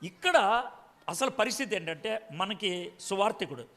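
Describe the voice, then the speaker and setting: A man's voice: sits high, animated, normal speed, fairly bright tone, big-room sound. A man preaching a sermon, quizzing his congregation with frequent direct questions.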